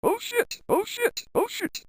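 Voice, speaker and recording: An excitable talking donkey for a comic story reading. The voice is extremely high and squeaky, frantic and sly, with a close, dry sound. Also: male voice, slow, no echo, heavily acted. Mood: panicked. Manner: panicky, excitable.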